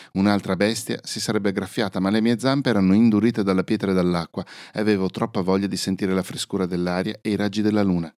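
A man narrating a fairy-tale story in a calm, even storytelling manner. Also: fairly low pitch, no echo, studio quality. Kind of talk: scripted first-person narration.

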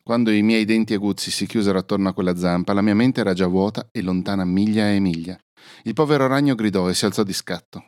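A man narrating a fairy-tale story in a calm, even storytelling manner. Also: on the low side, no echo, studio quality. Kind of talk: scripted first-person narration.

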